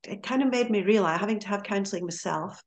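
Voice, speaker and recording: A fast-talking, middle-aged woman with a medium-pitched voice and a Scottish Aberdeen accent is chatting as a podcast guest. The interview is casual, and laughter comes easily to her.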